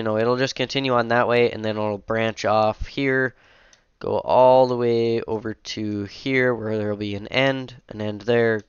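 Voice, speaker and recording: This young man has a cold, and his sniffly, fairly low, clear and resonant voice comes through muffled in a dry recording. A modding streamer, he casually rambles a commentary while editing a game map, using lots of fillers and correcting himself. He's at a computer at home, wearing a headset.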